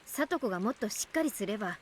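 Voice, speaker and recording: A woman's voice: medium pitch, lively intonation, very fast, slight background noise, lightly acted. A woman playing a teenage schoolgirl who hides resentment behind feigned concern, in a Japanese visual novel. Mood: curt, resentful.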